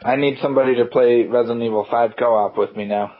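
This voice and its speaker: Upbeat husky male podcast host. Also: mid-range voice, fairly even intonation, quick pace, phone-quality sound. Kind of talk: casual podcast chat.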